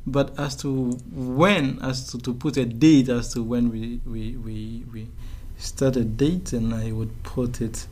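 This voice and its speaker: A man's voice: mid-range voice, fairly even intonation, slow pace, hardly any pauses, a little mellow. A young man from Ghana, a guest in a casual interview, talking hesitantly with many restarts and fillers. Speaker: guest, graduate student.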